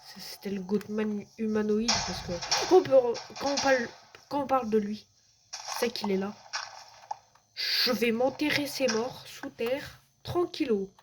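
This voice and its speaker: A woman's voice: fairly high pitch, measured pace. A woman giving let's play commentary, jumpy, swearing a lot and sometimes dropping into a whisper. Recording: noisy with clicks.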